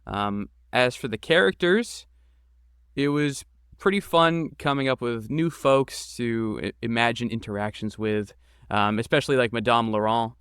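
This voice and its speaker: This man, a game creator and voice actor, talks a little slowly in a mid-range voice with a slightly bright, clean tone. Casual and informal, he answers a podcast interviewer's questions with enthusiasm and self-deprecation. The recording is dry and of studio quality.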